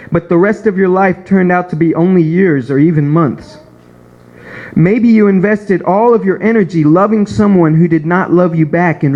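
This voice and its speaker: Guy with a high voice reading out his sermon, earnest and measured, kinda muffled lofi audio. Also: warm tone. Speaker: beginner preacher giving a first sermon. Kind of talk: prepared sermon, read from a script. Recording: dull, lo-fi recording.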